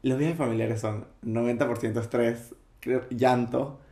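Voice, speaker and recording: A man's voice: mid-range voice, fairly even intonation, unhurried, mellow. Joking young man, roomy sound. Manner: teasing jokester. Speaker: podcast co-host. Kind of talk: casual chat. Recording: roomy echo.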